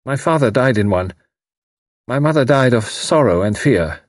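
A man's voice: mid-range voice, lively intonation, moderate pace, dry recording, pitched above the performer's own voice, lightly acted. Grave, stiffly formal young refugee, voiced by a male narrator.

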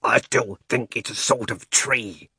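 Warthog: stubborn, dim, flatly insistent, read by a man. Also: medium pitch, measured pace, breathy edge, dry recording, clean studio sound, exaggerated voice.

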